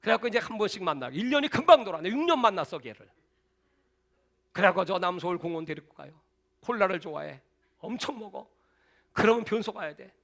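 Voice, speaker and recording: A man preaching a sermon with a high voice. He sounds bright and forceful. His delivery is emphatic and casual, and he mixes anecdotes into the preaching. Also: lively intonation, fast, creaky, pauses often. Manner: emphatic, colloquial, storytelling. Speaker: pastor.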